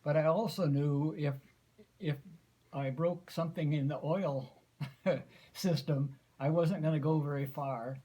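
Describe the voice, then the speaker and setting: An American man in his eighties telling a folksy, unhurried story informally to family, often clearing his throat. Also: a little high, fairly even intonation, warm tone. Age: 80s. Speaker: grandfather giving an anniversary speech.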